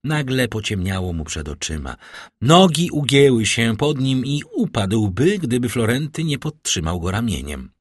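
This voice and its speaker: Husky, expressive male audiobook narrator. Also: medium pitch, normal speed, no echo, clean studio sound. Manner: expressive storytelling reading. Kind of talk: scripted narration.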